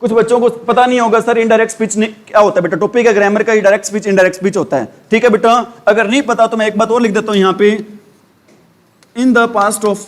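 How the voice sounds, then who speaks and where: A man's voice: high voice, steady tone, fast talker. Hindi-accented male teacher drilling students. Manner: quizzing students with repeated questions, calls them beta. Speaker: English teacher. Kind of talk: classroom grammar lesson.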